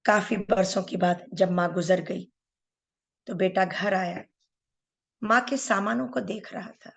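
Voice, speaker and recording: A middle-aged woman teaches meditation in an unhurried spiritual talk, drawing out her words at a slow pace. Her voice carries a gravelly edge of fry, and she tells stories earnestly while speaking straight to her listeners. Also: medium pitch, fairly even intonation. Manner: unhurried, earnest storyteller who addresses listeners directly.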